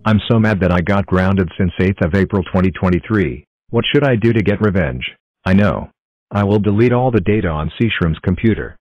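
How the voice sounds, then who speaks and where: A man's voice: sits low, brisk, dry recording, natural voice. Kalish, a male voice doing a scheming vengeful boy. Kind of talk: text-to-speech cartoon voice. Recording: dull dry lo-fi audio.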